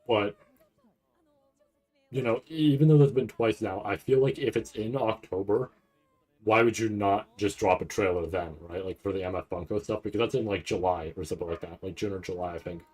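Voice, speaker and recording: Brisk and darkish in tone, this man's voice sits on the low side. He hosts a casual livestream reacting to an anime event, wandering through loose, sometimes profane thoughts spoken aloud.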